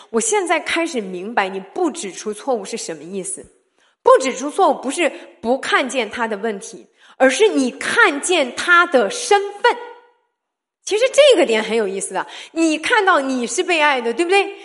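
A woman giving a sermon-style testimony, animated and often laughing, who keeps putting rhetorical questions to her listeners. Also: a little high. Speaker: church speaker sharing testimony.

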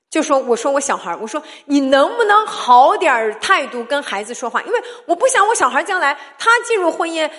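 A woman giving a sermon-style testimony, animated and often laughing, who keeps putting rhetorical questions to her listeners. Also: high-pitched. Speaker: church speaker sharing testimony.

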